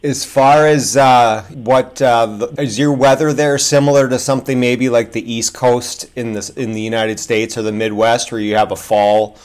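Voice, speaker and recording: A man's voice: medium pitch, little pitch movement, normal speed, few pauses, smooth. A man hosting a podcast, asking interview questions casually and hesitantly with many fillers.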